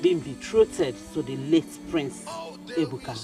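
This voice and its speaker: A man's voice: mid-range voice, unhurried, over loud music, natural voice. A man playing a probing, regal parent in a film drama, with a Nigerian accent.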